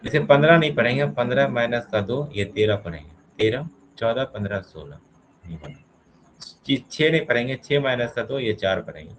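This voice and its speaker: Male teacher, mid-pitched voice, talks through each step and quizzes himself, light hiss behind. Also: expressive, brisk, rough recording. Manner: asks questions and answers them himself, counts step by step. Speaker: reasoning teacher. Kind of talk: explaining a classroom problem.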